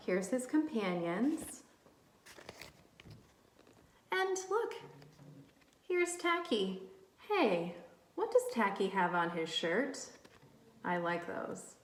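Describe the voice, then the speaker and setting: An early childhood teacher holds a storytime for young children, reading in simple, encouraging language. Animated, with a medium-pitched voice, she often asks the kids questions and waits for answers. The room is roomy and echoey, with slight background noise.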